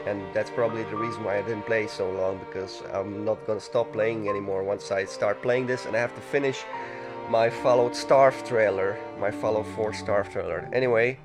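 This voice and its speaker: A let's play gamer rambles loosely while playing a video game, often correcting himself as music plays under his voice. He speaks on the low side at a normal speed with fairly even intonation.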